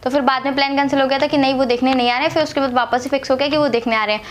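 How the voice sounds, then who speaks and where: A woman's voice: high-pitched, steady tone, very fast, a little hiss or hum. A young woman from Agra, India, telling a personal story to camera in a chatty way, repeating herself and using many fillers. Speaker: vlogger telling her marriage story.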